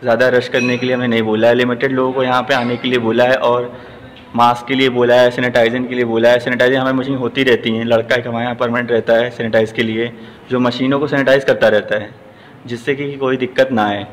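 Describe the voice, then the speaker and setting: Gym owner in an echoey gym. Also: male voice, medium pitch, fast. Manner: plain, steady answers with frequent "ji". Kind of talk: news interview. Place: large indoor gym. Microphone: handheld news mic. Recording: long hall reverb, faint noise.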